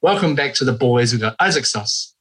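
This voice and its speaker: A man's voice: mid-range voice, expressive, fairly quick, fairly bright tone, breathy edge. A man with a Maori-influenced New Zealand accent, hosting a casual sports podcast chat. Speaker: podcast host.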